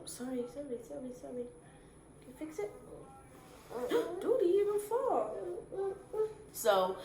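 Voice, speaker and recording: Chatty woman vlogger in an echoey room. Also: mid-range voice. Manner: chatty, repeats words, many fillers. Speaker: vlogger giving career advice. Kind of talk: casual advice talk to camera. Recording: echoey room, faint noise.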